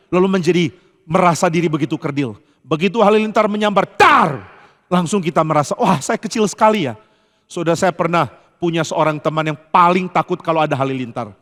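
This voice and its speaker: A male pastor preaching a sermon with emphasis, slowing down on key phrases and telling humorous stories. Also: sits high, expressive, fairly bright tone. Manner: storytelling with humor. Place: church. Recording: long church hall reverb.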